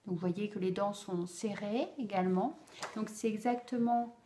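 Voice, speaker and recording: A woman explaining how to teach a speech sound to children, slow and deliberate, with frequent pauses and fillers. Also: medium pitch, warm tone, slight background noise. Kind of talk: instructional explanation for parents. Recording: echoey room.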